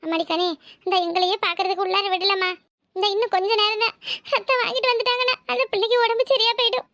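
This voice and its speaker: A woman's voice: very high-pitched, flat delivery, quick pace, a bit bright, no echo, studio quality. A woman doing a fussy old village mother-in-law. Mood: worried. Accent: Tirunelveli Tamil. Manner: scolding, fretful village talk. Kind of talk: cartoon voice acting.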